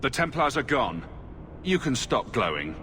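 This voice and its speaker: A man's voice: medium pitch, big pitch swings, unhurried, noisy background. A man playing a wry, self-assured adventurer in a video game, with a dry, sarcastic delivery.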